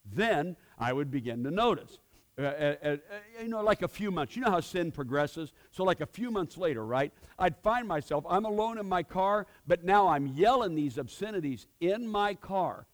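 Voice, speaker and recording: A man's voice: high-pitched, expressive, normal speed. Emphatic preacher man, storytelling. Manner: storytelling, swings from quiet asides to loud emphatic outbursts. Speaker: pastor. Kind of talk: sermon.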